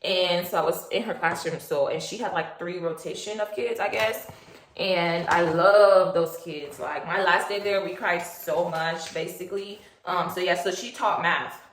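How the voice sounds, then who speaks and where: A woman's voice: on the low side, moderate pace, a little hiss or hum. Twenties woman from Nigeria, chatty vlogger who rambles, recorded with room echo. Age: 20s. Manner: rambling, chatty, lots of fillers and asides. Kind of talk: casual chat, get-to-know-me story. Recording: echoey room.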